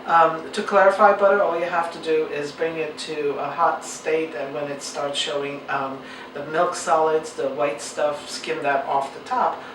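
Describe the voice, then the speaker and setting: A woman's voice: low-pitched, fairly even intonation, unhurried. Woman teaching cooking in a roomy kitchen. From Turkey. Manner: patient, explanatory, homely. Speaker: home cook. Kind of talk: cooking demonstration. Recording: roomy, distant mic, faint noise.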